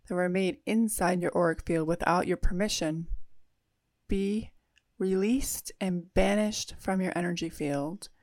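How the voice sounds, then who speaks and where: A woman leading a guided meditation in a soothing, unhurried manner with long pauses. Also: lowish voice, dry recording.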